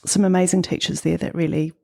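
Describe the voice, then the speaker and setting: Fast and flat, her gravelly, darkish voice sits on the low side. She's a middle-aged New Zealander and guest artist with a New Zealand accent, giving thoughtful, hesitant interview answers full of ums.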